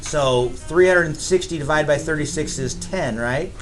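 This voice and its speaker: A man's voice: a little high, unhurried, soft background music. A man teaching geometry to a class, upbeat and teasing with his students, in a classroom. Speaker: math teacher. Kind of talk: classroom lecture.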